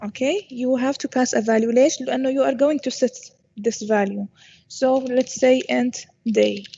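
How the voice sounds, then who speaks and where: Female teacher addressing a class, Arabic accent, slightly high pitch, muffled recording, frequent comprehension checks. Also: steady tone, moderate pace, gravelly, mellow, breathy edge. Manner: switches between English and Arabic, checks understanding often. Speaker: university programming lecturer.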